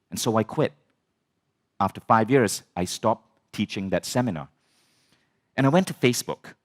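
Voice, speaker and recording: A man from Malaysia telling a personal story as a motivational speaker, animated and candid, with casual swearing. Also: lowish voice.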